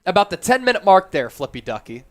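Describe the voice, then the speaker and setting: A man's voice: sits high, sing-song, fast talker. A man co-hosting a live sports fan show, chatting casually and jokily with viewers as he reads out their comments.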